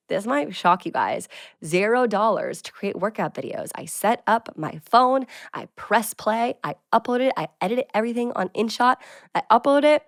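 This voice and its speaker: A young woman in her twenties chats through her podcast, bubbly and quick to get excited. Her voice sits at a middle pitch, recorded close on a dry, deadened mic. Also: no room sound. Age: 20s. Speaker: podcast host. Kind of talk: casual advice podcast.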